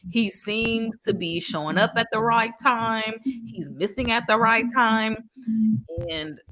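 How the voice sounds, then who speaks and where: A woman hosting a podcast, chatting casually and with animation about a movie, slangy and quick to laugh. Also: on the high side, bright, forceful tone. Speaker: podcast host. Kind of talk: casual movie recap chat.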